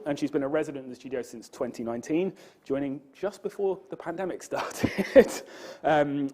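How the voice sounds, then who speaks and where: A man with a somewhat high but mellow, warm voice opens a studio talk. He works through notices and the guest introduction with plenty of ums and uhs. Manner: reads housekeeping notices with fillers. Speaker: studio host introducing speaker. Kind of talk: event introduction.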